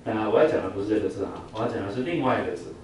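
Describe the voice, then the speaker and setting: A man's voice: on the low side, lively intonation, racing, darkish tone. A man giving a classroom vocabulary lecture, explaining with frequent "啊" fillers and leading the class in repeating words. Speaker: English vocabulary teacher. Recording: echoey room from far off, faint noise.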